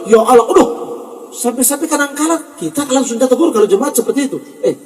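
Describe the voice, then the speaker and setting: A male pastor preaching a sermon, animated and joking, often slipping into mock prayers. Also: very high-pitched, fast talker. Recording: echoey hall from far off.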